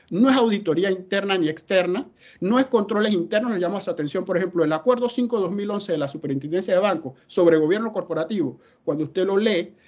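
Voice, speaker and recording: High-voiced man giving a talk. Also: darkish tone, dull audio. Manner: emphatic, asks and answers his own questions. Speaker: webinar speaker. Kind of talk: presentation talk.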